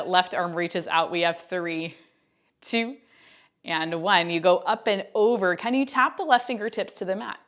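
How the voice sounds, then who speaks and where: A woman's voice: on the low side, a bit bright. A woman in her twenties teaching a home Pilates class, counting down reps with chatty, encouraging asides and a little out of breath. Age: 20s. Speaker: Pilates instructor. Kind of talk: workout class instruction. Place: indoors at home. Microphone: wearing a mic.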